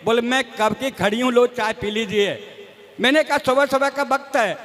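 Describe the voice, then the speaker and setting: A man's voice: extremely high pitch, moderate pace, fairly bright tone. A man from Rajasthan performing stage comedy poetry, folksy and self-mocking, talking straight to the audience. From Rajasthan, India. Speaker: comic poet. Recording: echoey hall reverb.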